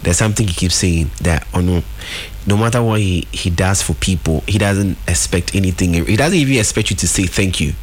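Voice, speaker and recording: A man's voice: deep voice, fairly quick. A man hosting a call-in radio show, chatting casually with a Ghanaian English accent. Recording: radio broadcast with music bed.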